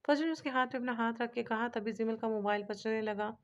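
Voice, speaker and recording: Woman narrator reading a romance novel, lightly shifts her voice for each character, higher register, muffled recording. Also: a little fast. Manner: reads all characters' dialogue in a lightly shifted voice.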